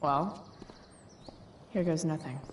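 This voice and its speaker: A woman's voice: low voice, takes it slowly, slight background noise. A woman playing a guarded, rebellious teenage girl in a video game, speaking with dry, casual sarcasm. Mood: sardonic, muttering. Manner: dry, sardonic, hesitant casual phrasing.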